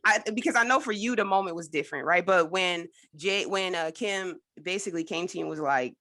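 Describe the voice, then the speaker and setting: A woman hosting a casual podcast interview, talking, animated, laughing often and restarting her sentences. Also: lowish voice, fairly quick, dry recording, studio quality. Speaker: podcast host.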